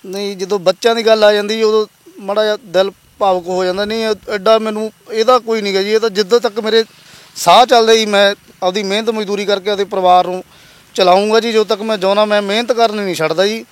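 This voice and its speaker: A man's voice: sits high, level tone, fast talker, no echo. A man from Punjab, a laborer and father, telling his story in an interview in an earnest, polite and emotional way.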